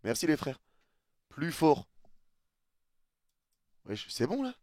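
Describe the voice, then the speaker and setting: A man's voice: fairly high pitch, big pitch swings, slow pace, darkish tone, no room sound, studio quality. A young man streaming live, chatting casually in slang and thanking viewers for their subs. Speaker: streamer reacting to a video.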